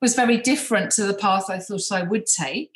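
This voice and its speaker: A woman's voice: mid-range voice, brisk, roomy sound, slight background noise, low-quality recording. A woman in her fifties from the English Midlands, a guest in a podcast interview, chatty and hesitant with many ums. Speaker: guest, beauty brand founder.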